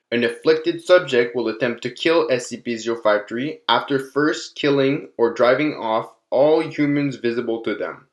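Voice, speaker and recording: A male narrator with a mid-range pitch reads scripted, documentary-style fictional files in a formal, measured way.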